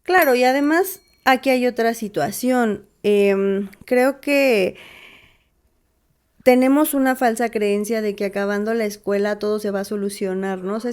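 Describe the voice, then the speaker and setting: A woman's voice: mid-range voice, darkish tone. A woman co-hosting a podcast, chatting in an upbeat way and laughing often between phrases. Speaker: podcast co-host. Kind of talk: casual podcast chat.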